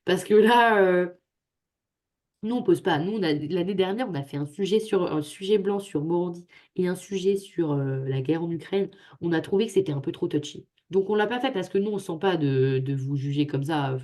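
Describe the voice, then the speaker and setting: Young woman, student tutor, casual and chatty, self-mocking jokes, lowish voice, laptop mic on a video call. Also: moderate pace, a little mellow. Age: young adult. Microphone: computer microphone on a video call.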